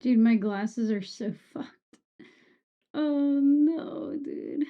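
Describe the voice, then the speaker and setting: Woman, livestreamer, slowish pace, sibilant S sounds, casual and sweary, self-deprecating, somewhat dull muffled microphone. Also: fairly high pitch. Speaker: streamer. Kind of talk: casual livestream chat with viewers. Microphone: streaming microphone with EQ and compressor.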